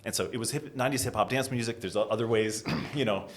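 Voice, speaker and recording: A middle-aged American man from New England, a design executive giving an animated interview and dropping to a whisper for emphasis. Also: medium pitch, fast. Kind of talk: conversational interview.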